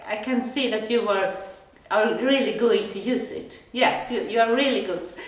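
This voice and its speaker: A woman teaching a craft course gives halting, reflective interview answers and often restarts her sentences. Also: fairly high pitch. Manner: halting, searching for words, restarts. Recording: very echoey room.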